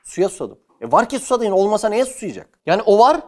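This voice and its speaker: A man giving a lively religious lesson, asking questions and answering them himself. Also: sits high, fast. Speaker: religious teacher.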